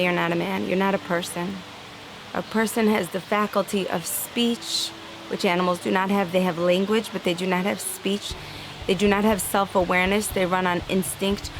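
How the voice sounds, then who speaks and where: In a noisy setting, a woman speaks in a medium pitch, earnestly giving an uplifting spiritual talk. She animates it by acting out inner voices and occasionally laughing softly.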